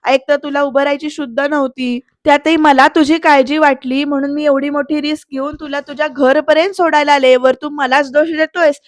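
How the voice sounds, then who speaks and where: An irritated young woman who scolds and snaps back, read out by a female narrator. Her voice is high and fairly flat in pitch. It is recorded dry and close, with no room around it. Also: brisk, few pauses, no room sound, natural voice. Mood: exasperated. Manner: scolding, exasperated.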